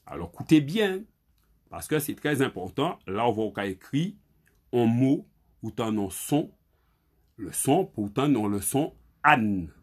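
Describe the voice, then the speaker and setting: A man teaching a Creole spelling lesson, halting and repeating himself as he spells letters aloud. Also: mid-range voice, big pitch swings, breathy edge.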